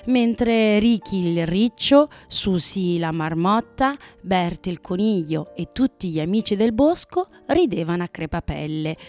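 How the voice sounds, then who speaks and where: A woman narrating a children's story in a gentle, measured manner. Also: mid-range voice.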